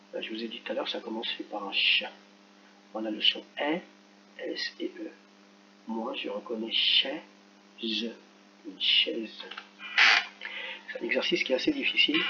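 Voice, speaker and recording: A man talks children through a phonics correction, slow and careful, sounding out each letter. His voice sits at an ordinary pitch. The recording is a little dull, with a faint hum underneath. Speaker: teacher. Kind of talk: screen-recorded lesson correction.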